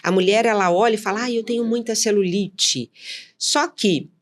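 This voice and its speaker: A woman's voice: mid-range voice, moderate pace. A woman, a nutritionist, explaining things patiently in an interview and checking in with her listener as she goes. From São Paulo, Brazil. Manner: didactic, lists points and checks in with "tá?". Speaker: nutritionist guest.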